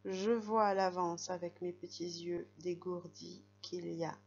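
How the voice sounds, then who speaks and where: A woman with a lowish, gravelly voice gives a reading lesson for young children, speaking a little slowly in a level tone. She patiently walks them through the text, spelling out letters and syllables. The recording is dull lo-fi.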